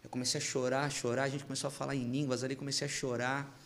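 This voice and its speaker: A man with a Brazilian accent, a pastor, tells his story with lively, heartfelt energy. He talks in a middle-pitched voice and jumps between narrating and acting out what people said. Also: fast. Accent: Brazilian Portuguese. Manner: animated, emotional storytelling with reenacted dialogue. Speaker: pastor, podcast guest. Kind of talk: personal testimony storytelling.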